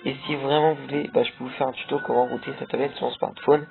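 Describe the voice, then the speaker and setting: A young man talks through his gameplay in a loose, rambling way, full of fillers and restarts. His voice sits at an ordinary pitch for a man. The sound is thin and tinny, with loud game music playing underneath. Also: steady tone, fast, gravelly. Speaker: gameplay video creator. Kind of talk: casual gameplay commentary.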